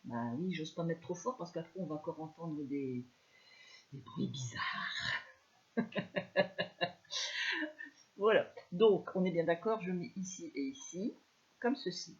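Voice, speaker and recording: A woman with a northern French accent giving a live scrapbooking tutorial, chatty and soft-spoken, with many fillers. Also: sits low, expressive, a little slow, pauses often, dull audio. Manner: speaks softly, chatty, many fillers like "alors" and "hein". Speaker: scrapbooking demonstrator.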